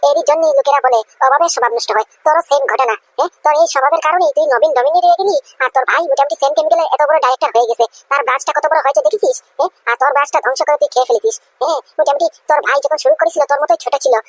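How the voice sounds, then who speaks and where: A woman's voice: high-pitched, rapid-fire, hardly any pauses, dry recording, natural voice. A woman voicing a scolding, nagging mother in a cartoon. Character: scolding older mother of a company family.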